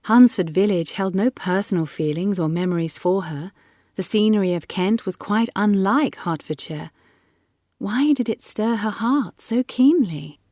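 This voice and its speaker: A woman narrating a short story audiobook in a measured storytelling manner. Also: mid-range voice, warm tone, no echo, clean studio sound. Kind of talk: scripted narration.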